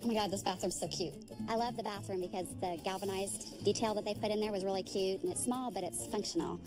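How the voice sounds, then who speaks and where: A woman touring the house she just bought, gushing excitedly about it. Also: medium pitch, quick pace, over music. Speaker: home buyer. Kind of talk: casual chat.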